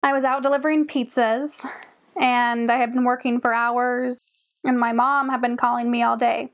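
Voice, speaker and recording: A woman playing a young woman who comforts a grieving friend in an audio drama. She speaks plainly and directly, with a high voice. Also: little pitch movement, moderate pace, lightly acted. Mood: consoling.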